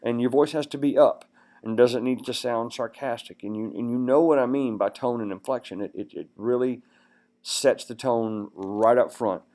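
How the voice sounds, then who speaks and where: A man's voice: medium pitch, normal speed, mellow. A man giving a sales training presentation in a conversational way, with many fillers and restarts, now and then acting out upbeat phone greetings.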